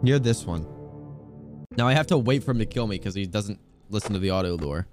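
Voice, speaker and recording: A man's voice: fairly low pitch, animated, fairly quick, music in the background. A man streaming a video game, chatting casually with viewers in a teasing, joking way and laughing often. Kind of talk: casual gaming stream chat.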